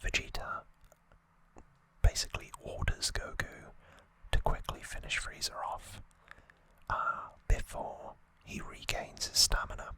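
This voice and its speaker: An ASMR host speaks in a soft, breathy, unvoiced whisper at a measured pace, explaining things gently and hesitantly like a relaxed recap. The recording is rough.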